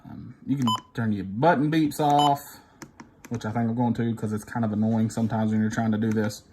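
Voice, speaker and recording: Demonstrating a device in an informal tutorial, this instructor speaks in a lowish, mellow voice with a steady tone and a fairly quick pace. He thinks aloud unscripted while pressing buttons and walking through the steps, amid noisy clicks and beeps.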